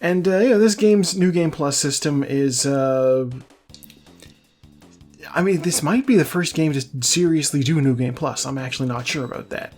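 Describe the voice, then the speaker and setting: A man's voice: fairly high pitch, normal speed, darkish tone, faint music behind. A man hosting a casual video game playthrough, rambling and correcting himself as he chats along. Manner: rambling, self-correcting, chatty. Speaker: let's play host. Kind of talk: casual gameplay commentary.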